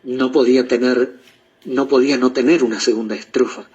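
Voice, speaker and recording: An Argentine man preaches with a husky, dark tone, quoting scripture in emotional bursts and sinking to near-hushed lines. The recording is dull and muffled. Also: mid-range voice, steady tone. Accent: Argentine Spanish. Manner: emotional, pausing preaching with swings in loudness. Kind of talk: sermon with quoted readings.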